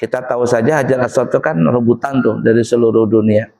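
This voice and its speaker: Gravelly preacher in an echoey hall. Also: male voice, mid-range voice, quick pace. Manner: animated, acts out quoted voices, laughs often. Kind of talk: sermon with humorous storytelling. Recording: echoey hall, long reverb.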